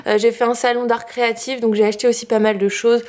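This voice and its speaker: A woman's voice: a little high, flat delivery, fast talker, a little mellow. A woman with a French accent showing her craft purchases in a casual, chatty way with many fillers. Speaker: craft vlogger. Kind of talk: casual haul video.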